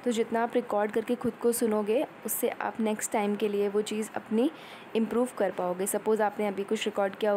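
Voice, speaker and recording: Female lecturer, mellow voice, faint hiss behind, slow drawn-out headings, lots of fillers. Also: medium pitch, rough recording. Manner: explains in Hindi, reads English headings out slowly; repetitive, with many fillers. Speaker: teacher. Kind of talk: exam-prep lecture.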